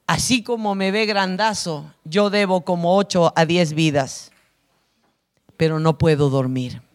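A woman's voice: lowish voice, unhurried, lightly acted. A woman voicing a huge, tearful male prison gang boss who pleads for prayer. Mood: tearful pleading. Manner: pleading, frightened.

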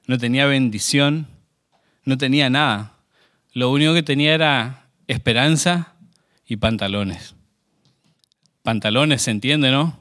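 A man's voice: mid-range voice, fairly bright tone, clean tone. Conversational preacher man. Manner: conversational, asks the congregation questions. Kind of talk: sermon.

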